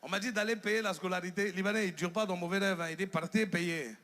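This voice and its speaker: A man's voice: high-pitched, very fast. A young man with an Ivorian French accent doing a stand-up comedy set, telling stories animatedly and acting out characters. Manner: animated storytelling, acts out characters. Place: stage with live audience.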